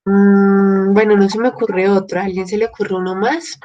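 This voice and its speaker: A woman's voice: mid-range voice, flat delivery, moderate pace, mellow, muffled recording, faint music behind. A woman teaching a grammar lesson, explaining patiently step by step and working through examples. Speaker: Spanish teacher.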